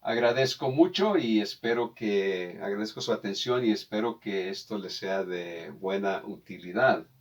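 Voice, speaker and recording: A man teaching a beginner English lesson in Spanish, repeating English phrases slowly and addressing the viewer politely with frequent hesitations. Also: on the low side, recorded from a distance, dull audio.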